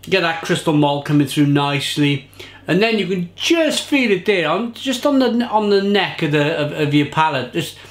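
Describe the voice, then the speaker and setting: Speaking from an indoor home kitchen bar stocked with shelves of bottles, a thirtysomething man casually and enthusiastically reviews a beer for the camera. His voice sits on the high side, with lively intonation and normal speed, and the room echoes. He gestures freely as he talks through the flavours.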